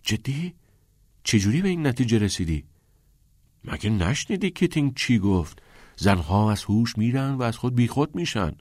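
A doubtful teenage schoolboy, puzzled and insistent, his questions pitched above the reader's own voice, as a man acts him out. The sound is dry and close. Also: sing-song, a little mellow, no room sound. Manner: questioning, uncertain.

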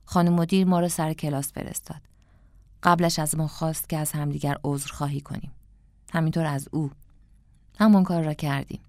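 A woman narrating an audiobook in a calm, reflective storytelling manner. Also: low-pitched, dry recording, clean studio sound.

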